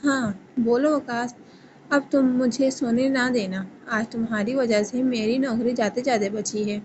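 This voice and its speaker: A woman's voice: fairly high pitch, fairly even intonation, background noise, lightly acted. A woman reading the lines of a tired young working woman in a romance novel reading. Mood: brisk.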